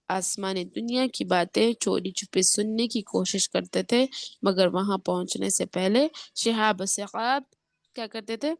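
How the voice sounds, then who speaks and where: A woman teaching a Quran lesson with tajweed rules, her voice affected by a cold. She explains step by step, often checks in with her students, and chants the verses slowly. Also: mid-range voice, dry recording, studio quality. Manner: slow drawn-out chanting when reciting verses.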